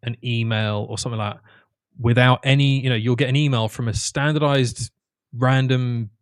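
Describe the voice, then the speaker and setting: A man's voice: medium pitch, steady tone, moderate pace, no room sound, studio quality. A man co-hosting a casual podcast chat, talking emphatically and restarting his sentences when worked up. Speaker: podcast co-host.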